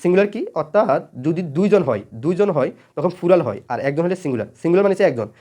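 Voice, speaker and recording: Man teaching grammar super fast, says everything twice, lots of ums. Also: fairly high pitch, expressive, warm tone. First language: Bengali. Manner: repeats each point several times, many fillers. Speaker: English teacher. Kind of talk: spoken grammar lesson.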